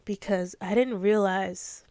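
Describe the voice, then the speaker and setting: Speaking slowly in a dark, medium-pitched voice with fairly even intonation, the young podcast host gives a casual motivational talk. She is earnest and emotional, close to tears at times, and the recording is dry.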